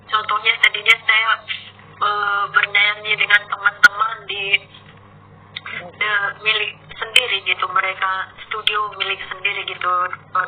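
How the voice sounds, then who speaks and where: A caller gives a religious testimony on a live stream, hesitant and full of pauses and restarts. The pitch barely moves. The voice arrives through a tinny phone line with faint background noise. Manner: hesitant, many fillers and restarts.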